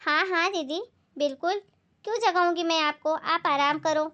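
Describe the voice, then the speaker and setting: A woman playing an overworked young daughter-in-law who is polite but gently mocking, in a family moral skit. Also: very high-pitched, moderate pace, lo-fi sound.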